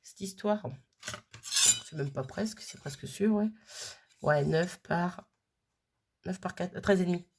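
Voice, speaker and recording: Husky woman with a bit of fry, unboxing craft stuff and gushing over everything. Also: fairly low pitch, measured pace, long pauses. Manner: gushing, chatty, keeps repeating her delight. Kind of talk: casual unboxing chat.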